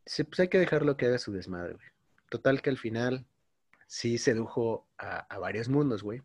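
A man's voice: mid-range voice, expressive, moderate pace, slightly rough, no echo, studio quality. A man in his twenties with a Mexican Spanish accent, co-hosting a podcast and telling stories in slangy casual chat. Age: 20s. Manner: slangy, says "güey" constantly, storytelling. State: coughing. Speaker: podcast co-host.

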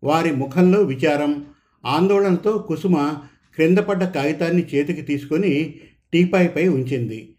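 Man narrating a story, fairly high voice. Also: moderate pace, a little mellow.

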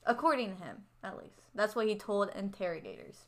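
A woman's voice: mid-range voice, brisk. A woman co-hosting a casual true-crime podcast, blunt and swearing as she tells the case. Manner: blunt, swears, trails off then resumes. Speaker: podcast co-host.

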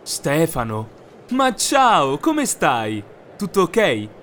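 Man acting friendly surprised guy, scripted lesson dialogue, lively up-and-down voice, slow, faint traffic behind. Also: a little high, exaggerated voice. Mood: surprised, cheerful. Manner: cheerful, lively casual greeting. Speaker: dialogue actor.

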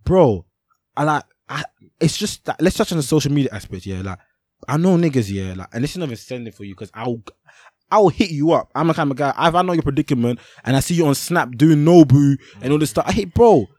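A young man talks in a London roadman accent, fast and highly animated. He is emphatic and slangy, often repeating himself in casual group chat, on a close, dry recording. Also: no echo. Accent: London, urban street. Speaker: podcast panellist.

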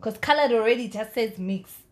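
A woman's voice: on the high side, brisk, a little mellow. A young South African woman with a South African accent, teasing and arguing with friends on a casual podcast. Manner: teasing, argumentative, laughing. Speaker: podcast co-host. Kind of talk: casual chat among friends.

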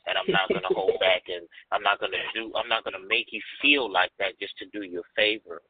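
Speaking fast and animatedly, this podcast guest in his forties has a lowish, creaky, slightly rough voice. He's candid and emphatic, circling back to the same phrases for stress, over dry, tinny audio that sounds like a phone.

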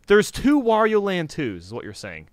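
A young man chatting on a gaming podcast with a bouncy, lively voice that swings up and down. His sound is close and dry, picked up by a home mic on a call. His banter is quick and excitable. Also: sits high, dry recording. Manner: excitable, quick banter, prone to shouting gags. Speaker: podcast co-host. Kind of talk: casual gaming chat.

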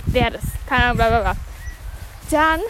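A young woman co-hosting a casual chat podcast, teasing, giggly and loud. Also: fairly high pitch, lively intonation, normal speed, background noise. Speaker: podcast co-host.

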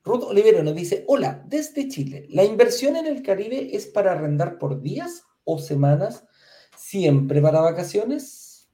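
A man's voice: sits high, big pitch swings, unhurried, dark tone. A man co-hosting a live stream, reading viewer comments aloud with casual asides. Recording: roomy echo.

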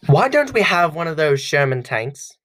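A man voicing an earnest young tank gunner, raised high above his own pitch with a lively, up-and-down lilt. He speaks deferentially to his commander, keen and a bit cheeky, in a homemade audio story. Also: moderate pace.

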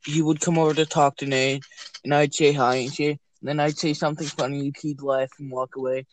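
A man's voice: fairly high pitch, flat delivery, a little fast, a little hiss or hum. A teenage boy telling a rambling, crude story to friends over an online voice call. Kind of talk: casual chat among friends.

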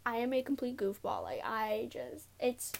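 Young woman, higher-pitched, nervous and giggly, halting casual solo podcast delivery from inside a closet. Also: steady tone, gravelly. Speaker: podcast host. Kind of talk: casual confessional solo talk. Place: inside a closet, sitting on a pillow.

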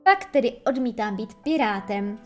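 A woman's voice: on the high side, lively intonation, a little mellow, soft background music, natural voice. A woman voicing a young boy captured by pirates who speaks with stubborn resolve. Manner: reluctant, then resolute. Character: hesitant older brother boy, captured by pirates.

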